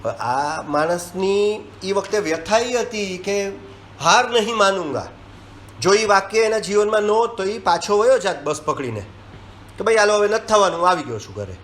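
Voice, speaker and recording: A man's voice: sits high, normal speed. A man reviewing a film, retelling its scenes in casual talk and acting out the lines. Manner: animated storytelling, acting out dialogue lines. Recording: echoey room with faint ambient hiss.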